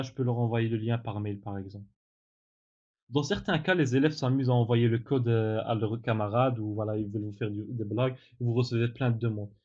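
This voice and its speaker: A man teaching in a relaxed tutorial, demonstrating software step by step with frequent fillers and self-corrections. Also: mid-range voice, muffled recording. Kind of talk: screen-recorded tutorial.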